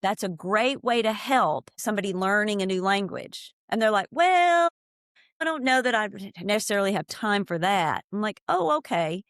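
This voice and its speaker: An ESL teacher from East Tennessee speaks in a conversational interview, earnest and animated, pressing hard whenever she makes a point. Her medium-pitched voice moves at normal speed, and the recording is dry and studio quality.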